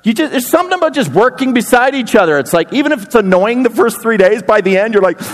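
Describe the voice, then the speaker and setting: A man's voice: very high-pitched, fast. A man preaching a sermon as pastor, joking and acting out little voices as he goes. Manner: animated, joking, acts out voices. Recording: long hall reverb.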